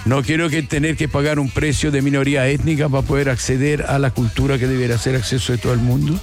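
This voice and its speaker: A man's voice: medium pitch, steady tone, fast talker, faint music behind. A man in his forties with a Chilean accent, telling his story as a musician in a casual interview, rambling and reflective, restarting often. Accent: Chilean Spanish. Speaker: musician guest.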